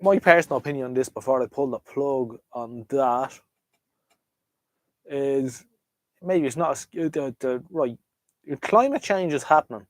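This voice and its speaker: With long pauses and no hurry, an Irish man in a mid-range voice rambles through a live chat with viewers about vintage radios. He's hesitant, opinionated, and prone to trailing off or leaping to new thoughts. The recording has no room sound.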